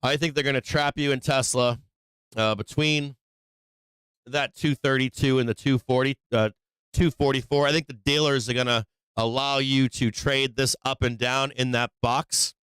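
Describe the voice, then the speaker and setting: In a dry recording, a man losing his voice to illness hosts a laid-back stock-trading livestream, thinking aloud over charts with rhetorical "right?"s. His medium-pitched voice is a bit bright, clear and resonant, with fairly even intonation at normal speed.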